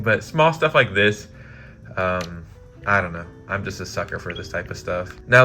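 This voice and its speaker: A man's voice: lowish voice, pushed and bright. A man hosting a casual gaming tutorial vlog, upbeat and chatty, leaning on "like" and laughing at his own slips. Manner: upbeat and chatty, heavy use of "like". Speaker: gaming YouTuber.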